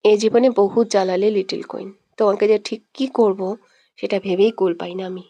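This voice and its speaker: A woman's voice: mid-range voice, fairly even intonation, moderate pace, dark tone, no room sound, lo-fi sound, lightly acted. A woman voicing a hot-tempered, jealous young man in love in an audio romance, scolding and making threats. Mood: teasing. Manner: scolding, threatening, then teasing.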